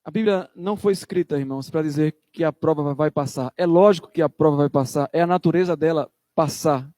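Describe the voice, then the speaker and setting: A man preaches with a high, emphatic voice, pressing his points hard. He slips into the voices of church members as he quotes them. The sound is dry and close. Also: fairly quick, dark tone, no room sound. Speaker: pastor. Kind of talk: sermon.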